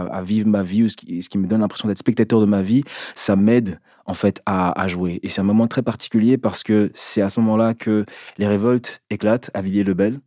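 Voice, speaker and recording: A man, an actor interviewed as a guest, recounting his path in a reflective way, pausing often to find his words. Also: on the low side, warm tone, dry recording, clean studio sound. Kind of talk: personal storytelling in an interview.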